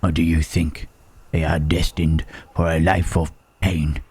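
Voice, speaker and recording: A man playing a gentle, brooding, melancholy monster in an ASMR roleplay, with halting, solemn, formal speech and a breathy voice. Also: flat delivery, full character voice. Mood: sorrowful, earnest. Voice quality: husky, breathy, deep.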